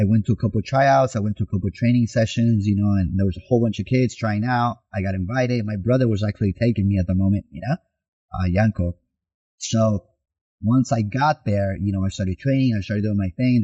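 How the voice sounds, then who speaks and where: Husky-voiced man from Mexico telling his story. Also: lowish voice, highs cut off. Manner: animated retelling that acts out quoted dialogue. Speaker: podcast guest, soccer coach. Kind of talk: personal storytelling in conversation.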